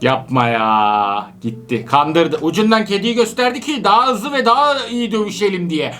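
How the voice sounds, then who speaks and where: An adult parent doing excitable gameplay commentary while playing with their daughter, laughing and calling out often. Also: mid-range voice, brisk, soft background music. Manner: animated, laughing, frequent outbursts. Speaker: let's-play gamer playing with their daughter.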